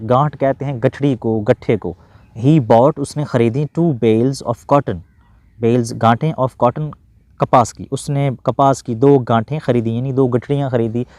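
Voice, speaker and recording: A man with a Pakistani Urdu accent teaching grammar, who reads example sentences slowly word by word and translates them, and otherwise explains briskly. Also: medium pitch, darkish tone, no echo. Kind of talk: grammar lesson.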